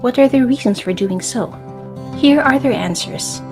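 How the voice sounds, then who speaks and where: A woman giving a scripted narration for a food segment in an even, informative way. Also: fairly high pitch, normal speed. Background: guitar music.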